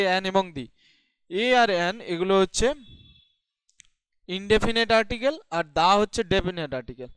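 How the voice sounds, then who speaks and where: A male teacher leads a classroom grammar lesson. His voice is high and smooth, and it sits dry and close to the mic. He asks his class questions, answers them himself and keeps checking that they follow. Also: no echo. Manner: explaining patiently, checking in often. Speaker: English teacher.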